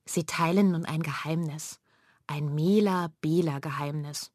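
A woman narrating a children's audiobook in a clear storytelling manner. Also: deep voice, a little slow, a little mellow, dry recording, studio quality.

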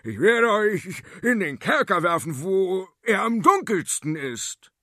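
A man's voice: on the low side, expressive, takes it slowly, a bit bright, no echo, studio quality, full character voice. A man voicing a vain, pompous fat king who bellows when offended. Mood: raging.

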